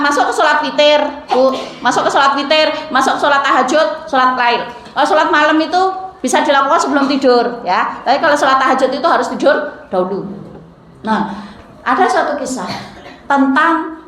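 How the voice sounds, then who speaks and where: A woman's voice: high-pitched, bright, forceful tone. A woman giving a sermon to a women's study group, telling stories in a chatty way and often addressing her listeners as "Bu". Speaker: female Islamic preacher. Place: hall in front of an audience. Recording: very echoey hall, faint background noise.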